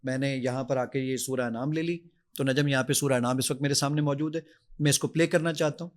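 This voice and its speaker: A man's voice: mid-range voice, fairly even intonation. A man, a podcast guest demonstrating his app with energy and enthusiasm, acting out his own requests as he goes. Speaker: app founder giving a demonstration.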